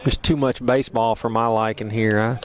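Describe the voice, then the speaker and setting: A man's voice: mid-range voice, normal speed, poor audio. A man giving casual, rambling play-by-play commentary on a school baseball game, openly rooting for his team. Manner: relaxed, rambling, partisan for the home team. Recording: crowd noise at an outdoor ballpark.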